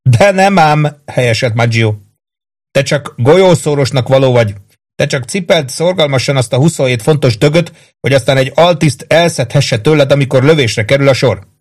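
A man's voice: mid-range voice, natural voice. A man reading an audiobook, voicing a cocky, wisecracking young soldier at a card game. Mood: needling. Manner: brash, needling, boastful. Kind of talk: audiobook character voice.

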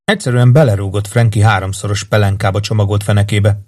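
A man reading a story aloud as an audiobook narrator, in calm, even storytelling. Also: lowish voice. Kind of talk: scripted narration.

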